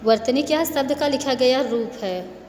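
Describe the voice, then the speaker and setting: Higher-voiced teacher in an echoey room. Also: female voice, a little mellow. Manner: patient, repeats words slowly for young pupils. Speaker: school teacher. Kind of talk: classroom grammar lesson. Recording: echoey room with faint background noise.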